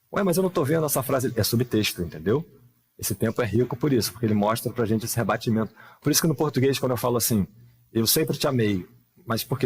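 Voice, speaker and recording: Speaking at a medium pitch with a darkish tone, a man leads a live online grammar lesson in English. He reads the examples slowly and carefully and explains patiently, leaning on rhetorical questions.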